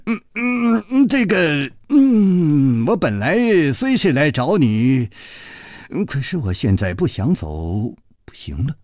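A man's voice: low-pitched, very animated, normal speed, hardly any pauses, dark tone, slightly rough, no room sound, studio quality, pitched below the performer's own voice, full character voice. A man voicing a nervous young swordsman who stammers and hesitates. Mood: flustered.

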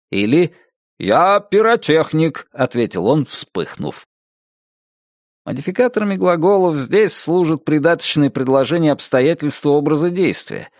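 A man's voice: on the high side, darkish tone, no room sound, studio quality. A man narrating a nonfiction audiobook, reading expressively and acting out the quoted lines.

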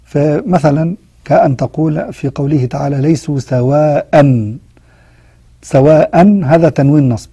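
Dry-voiced Egyptian tajweed teacher. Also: male voice, on the high side, warm tone, slightly rough, no room sound. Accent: Egyptian Arabic. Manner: switches between formal Arabic and colloquial asides, chants verse examples slowly. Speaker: Quran recitation teacher. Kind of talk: tajweed lesson with recited examples.

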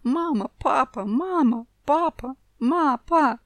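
A woman's voice: sits high, expressive, unhurried, dry recording, pitched above the performer's own voice. A woman voicing a spoiled six-year-old girl who whines and wails in a storybook reading. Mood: sobbing plea. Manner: whiny, wailing pleas.

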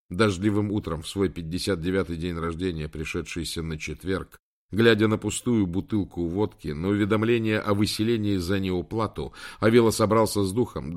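A man narrating an audiobook in a measured, dramatic way. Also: low voice. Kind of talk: scripted narration.

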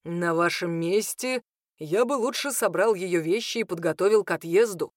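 Prudent male dragon, voiced by a woman; lower, deliberate delivery for an audiobook. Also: no echo, studio quality, natural voice.

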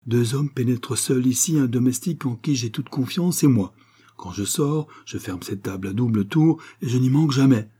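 A man reading the lines of a calm, precise doctor in a storybook, speaking in a measured, explanatory way. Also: medium pitch, breathy edge, voice pushed up, close to an everyday voice. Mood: grave, measured. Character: serious middle-aged male doctor, calm and precise.

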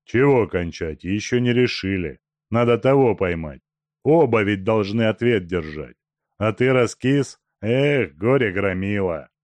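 A man reading an audiobook, voicing a brutal, mocking male robber chief in a loud, gruff, taunting voice. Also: lowish voice, lively intonation, a little slow, dry recording. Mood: taunting, cruel. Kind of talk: audiobook character voice.

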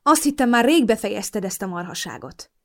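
A woman voicing a young man, a teasing boyfriend with a sharp, scornful edge, in an audiobook. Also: mid-range voice, expressive, close to an everyday voice. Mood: irritated. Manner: teasing, then scornful and cutting.

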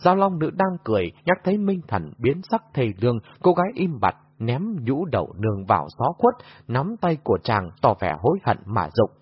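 A man's voice: mid-range voice, big pitch swings, normal speed, slightly rough, no room sound. A man narrating an audiobook in a vivid storytelling way, recorded in a muffled lo-fi way.

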